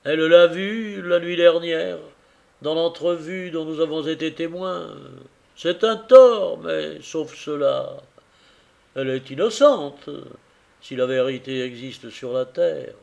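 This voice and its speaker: A man reading as a grieving, gentle carrier. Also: fairly high pitch, slow, vocal fry. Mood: sorrowful. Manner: earnest, grieving, forgiving. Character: heartbroken humble middle-aged carrier.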